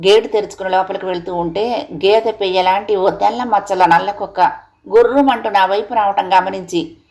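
A woman storyteller gently narrating a comic story, addressing her listeners as dear friends. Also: medium pitch.

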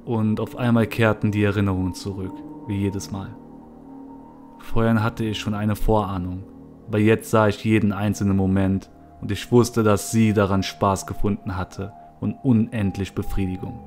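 Low-voiced man narrating a horror story. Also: little pitch movement, moderate pace. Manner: somber, low-key. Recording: soft music behind.

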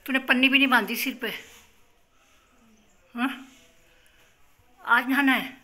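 A woman's voice: high-pitched, steady tone, measured pace, pushed and bright, roomy sound. A woman, the vlogger's mother, speaking in plain, matter-of-fact phrases during a casual family chat at home. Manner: brief, matter-of-fact replies. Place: home room, indoors.

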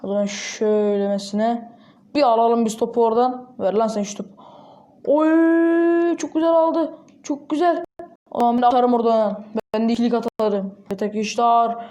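A gaming channel host chats casually through a mobile game, talking fast in a fairly high, soft, mellow voice. She keeps breaking into sudden bursts of excited exclamations.

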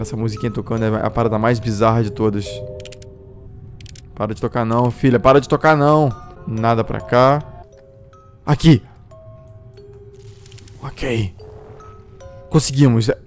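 Over faint game music, a man with a mid-range, darkish voice streams a horror game and comments as he plays. He startles easily, yelping and exclaiming at the scares, and keeps talking to himself about what he should do.

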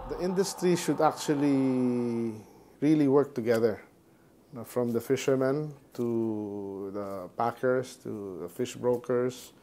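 A man's voice: medium pitch, takes it slowly, warm tone. A man in his forties, a company executive, answering interview questions hesitantly with many fillers, recorded indoors on a lapel mic. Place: indoor study with bookshelves.

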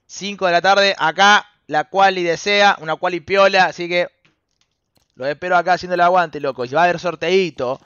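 A young Argentine man co-casting an esports match, shouting and laughing at the plays in slangy live commentary. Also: sits high, steady tone, normal speed, clear, resonant tone, no echo, highs cut off.

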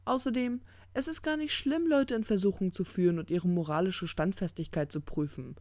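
A reader voicing a tipsy, smug male demon in an audiobook, talking in a halting, slurred ramble that stumbles over its words. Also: mid-range voice, darkish tone, no room sound, voice pushed up, lightly acted. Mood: indignant. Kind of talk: audiobook character reading.

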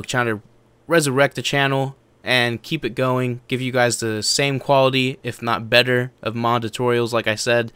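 A man's voice: medium pitch, sharp tone, clean tone, no room sound. A young man, the channel's host, giving a casual, earnest update and often repeating himself.

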